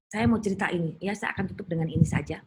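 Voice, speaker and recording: A middle-aged woman from Indonesia giving an animated personal testimony at a women's church gathering, with quick restarts and fillers, over a video call. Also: lowish voice.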